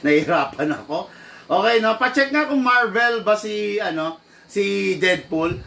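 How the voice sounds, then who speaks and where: Bright-voiced man hosting a stream. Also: high-pitched, expressive, slow, creaky. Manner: chatty, laughs easily, greets viewers. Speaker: airsoft live-stream host. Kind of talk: casual live-stream chat. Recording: distant mic, faint background noise.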